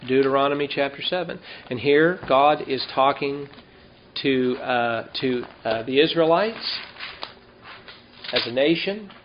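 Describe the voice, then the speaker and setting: A man preaching a sermon, reading scripture slowly and emphatically and asking the congregation rhetorical questions. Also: medium pitch, slight background noise. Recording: dull lo-fi sound.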